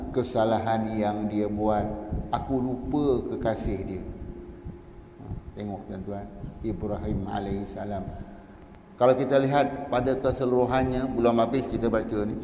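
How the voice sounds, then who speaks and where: A man's voice: medium pitch, warm tone. A man with a Malaysian Malay accent giving a dawn lecture in a mosque, pleading and fervent when leading prayers. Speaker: preacher. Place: large mosque hall. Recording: echoey mosque hall recording with background noise.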